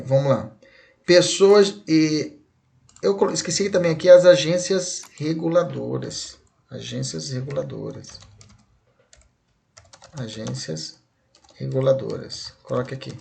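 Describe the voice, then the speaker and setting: A man's voice: mid-range voice, slow pace, creaky, long pauses, dark tone. A man with a Brazilian Portuguese accent teaching law in a recorded online lecture, chatty and keeps checking in with his students. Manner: uses playful memory tricks.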